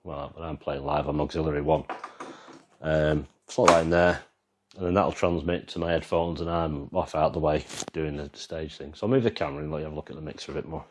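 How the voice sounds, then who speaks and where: Very deep-voiced English man demoing gear. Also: fairly even intonation, fairly quick, darkish tone. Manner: rambling, explains as he goes. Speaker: vlogger and band musician. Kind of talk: casual walkthrough demo. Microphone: handheld camera, freehand.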